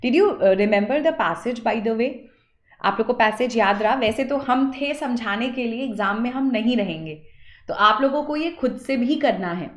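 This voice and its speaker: A woman's voice: on the high side, animated, reverberant. A woman teaching English grammar in an exam-prep class, mixing Hindi and English and quizzing her students before she answers. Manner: mixes Hindi and English, asks students questions and answers them; slow, deliberate English phrases. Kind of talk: online exam-prep lesson.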